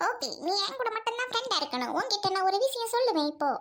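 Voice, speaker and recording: A woman's voice: very high voice, lively intonation, fast, fairly bright tone, slight background noise. A woman with a Trichy Tamil accent playing a bossy, melodramatic lovestruck young woman in a comedy skit. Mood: dramatic.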